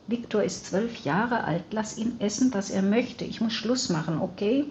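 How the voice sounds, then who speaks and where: A woman's voice: medium pitch, expressive, normal speed, darkish tone, slight background noise, voice pushed up, close to an everyday voice. A woman voicing a weary, stressed young teacher.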